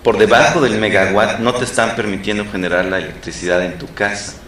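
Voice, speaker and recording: A man with a Mexican accent cuts in assertively to explain a point. His voice sits fairly low, with strong room echo and a faint hum behind it. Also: fairly quick, a bit bright. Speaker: audience member. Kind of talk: casual discussion. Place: lecture room. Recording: echoey room.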